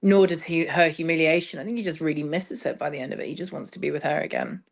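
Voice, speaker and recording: Speaking fast in a deep voice with fairly even intonation, a woman chats casually in an interview about her stage work as a theatre director. Her explanations are thoughtful and wandering, with phrases that trail away.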